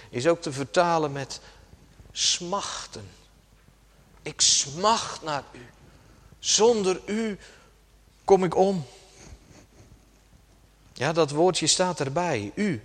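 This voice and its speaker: Slow, dramatic preaching man in reverb. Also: fairly high pitch. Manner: slow, dramatic preaching with sudden soft drops. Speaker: pastor. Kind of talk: sermon. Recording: long church reverb.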